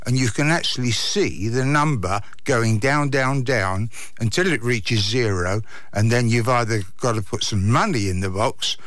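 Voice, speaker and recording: A man's voice: mid-range voice, moderate pace, a bit bright, no room sound. A man with an English accent, middle-aged or older, explaining and recounting conversationally as an interview guest. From England.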